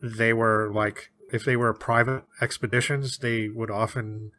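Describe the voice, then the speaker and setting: A man's voice: fairly low pitch, flat delivery, pushed and bright. A man co-hosting a podcast, chatting casually about a book, laughing often. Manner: chatty, laughs often, puts on quick voices for characters. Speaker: podcast co-host.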